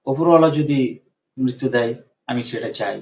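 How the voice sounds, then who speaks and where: A man's voice: mid-range voice, brisk, a little mellow, lightly acted. A man voicing a weary middle-aged patient who repeats their complaints in a pleading, tired tone. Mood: despairing. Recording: dull lo-fi recording.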